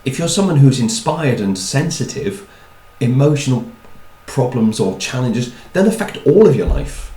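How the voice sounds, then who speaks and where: A man's voice: medium pitch, big pitch swings, normal speed, hardly any pauses, mellow, echoey room, poor audio. A man giving a chatty talk on personality types, with wry asides and repeated words. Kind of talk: talk to an audience.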